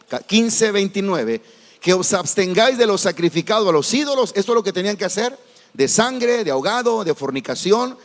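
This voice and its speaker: A man preaching a sermon as pastor, animated and acting out the voices of churchgoers. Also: sits high. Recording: reverberant church hall.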